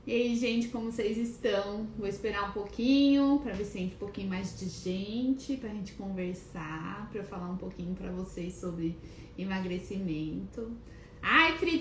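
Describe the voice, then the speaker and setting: Broadcasting live from her clinic office, this wellness host has a mid-range, darkish voice at normal speed. She chats with viewers by name, stumbles into many hesitant restarts, and admits she's shy and nervous, all in an echoey room with faint background noise.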